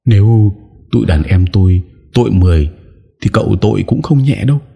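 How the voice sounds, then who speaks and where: Husky sly gangster woman, voiced by a man. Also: lowish voice, expressive, a little fast, warm tone, voice pushed up, full character voice. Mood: defiant. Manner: stammering, pleading. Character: shady middle-aged female gangster, nervous and sly. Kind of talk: audiobook character voice.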